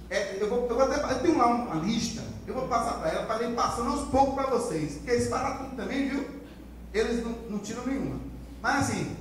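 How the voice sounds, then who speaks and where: A high-voiced Brazilian man leads a lively writing lecture, drilling his class with repeated phrases and call-and-response. He sounds far from the mic in a very echoey classroom with a faint hiss underneath. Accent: Brazilian Portuguese. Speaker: writing teacher.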